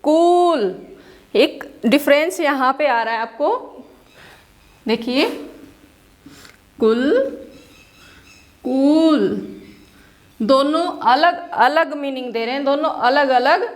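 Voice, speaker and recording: A woman with a high voice teaches a school class at a measured pace. She explains patiently, poses questions and answers them herself, and mixes English words into her Hindi during the lesson.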